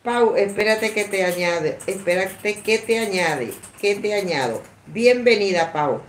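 A woman chats on a livestream in an unhurried, drawn-out way, calling her viewers sweetheart and laughing between words. Her voice rings in an echoey room with a faint hiss of background noise. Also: mid-range voice, lively intonation, far from the mic. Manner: affectionate, chatty, laughs often, many restarts. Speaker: livestream host greeting viewers. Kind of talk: casual livestream chat.

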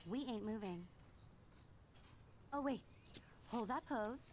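A woman's voice: on the high side, expressive, slow, a little hiss or hum. An actress voicing a snobby, mean teenage girl in a video game, mocking and condescending. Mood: mocking, sneering.

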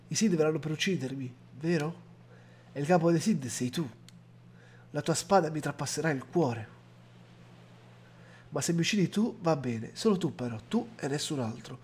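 A man's voice: fairly high pitch, expressive, moderate pace, long pauses, a little mellow, husky. A man reading aloud the lines of a tender, fearful young woman sorceress from a game, in a plain read-aloud delivery. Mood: anxious.

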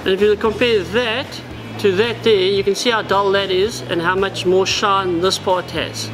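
In a high-pitched voice with fairly even intonation and normal pace, a South African man in his forties demonstrates fishing gear, addressing viewers as guys. He's practical and explanatory, seated at a wooden counter inside a tackle shop, and the poor audio has music in the background.

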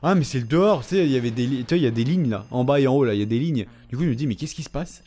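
A man's voice: medium pitch, expressive, rapid-fire, warm tone. A young man giving casual gameplay commentary, chatting to the characters on screen and swearing in jest. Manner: chatty, talks back to game characters, swears jokingly. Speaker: let's play gamer.

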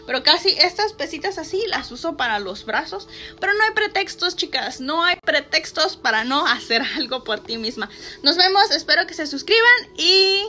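A woman's voice: high voice, big pitch swings, moderate pace, pushed and bright, soft background music. A woman in her thirties with a Mexican Spanish accent, chatting casually to a phone camera in a small bedroom and giving upbeat, motivating talk. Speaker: fitness vlogger. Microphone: phone camera close up.

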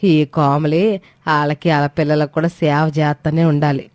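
A woman's voice: deep voice, level tone, moderate pace, a little mellow, no echo, studio quality, lightly acted. A woman voicing a scheming, domineering middle-aged mother-in-law who talks in a scornful, commanding way. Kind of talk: Telugu audio drama acting.

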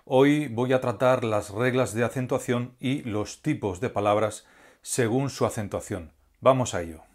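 Man slowly teaching Spanish grammar. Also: mid-range voice. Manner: slow, deliberate, spells out syllables. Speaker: language teacher. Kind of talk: scripted grammar lesson.

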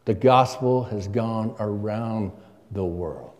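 An older man, the guest preacher, speaks slowly from the pulpit in a low, darkish voice, putting questions to his congregation as if in conversation. His sermon echoes with a long church reverb.

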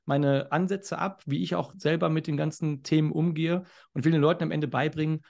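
A man with a somewhat high, gravelly voice talks as a podcast guest. He explains money matters in an animated way and now and then speeds up and gets louder. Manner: animated, sometimes fast and loud. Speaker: podcast guest, finance educator. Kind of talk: casual podcast conversation.

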